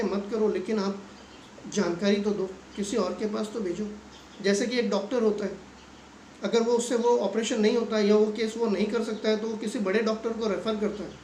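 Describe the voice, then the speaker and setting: A man's voice: high-pitched, echoey room, a little hiss or hum, poor audio. A man giving an earnest awareness appeal to his viewers, exhorting them with rhetorical questions. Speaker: NGO activist and channel host. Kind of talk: direct-to-camera awareness appeal.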